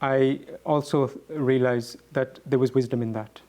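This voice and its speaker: A man in a reflective talk, answering as a guest speaker. His delivery is earnest and halting, with repeated words, and his pitch sits in the middle range for a man. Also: fairly even intonation, dark tone, a little hiss or hum.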